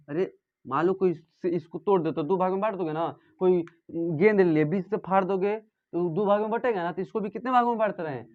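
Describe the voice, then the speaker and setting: High-pitched guy with a teaching math, keeps quizzing the class, dull lo-fi audio. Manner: asks students questions and repeats answers. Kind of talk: classroom lesson. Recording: dull lo-fi sound.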